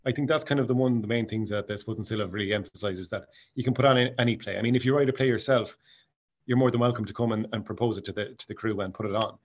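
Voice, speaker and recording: He's from County Mayo, an amateur actor in a drama society, speaking easily as an interview guest about his hobby in a west of Ireland accent. His lowish voice moves fast, and the dull audio carries a little hiss or hum.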